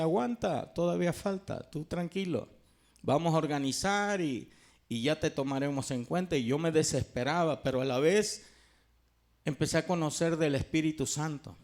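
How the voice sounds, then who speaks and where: A middle-aged man, earnestly giving a personal church testimony with fervent pauses and restarts. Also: on the high side.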